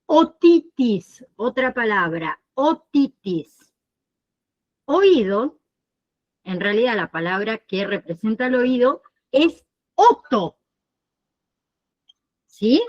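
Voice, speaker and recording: A woman instructor teaching an online nursing class, explaining slowly and often pausing to check that students follow. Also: medium pitch, highs cut off. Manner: explains slowly, checks understanding with frequent "¿sí?" and "¿bien?".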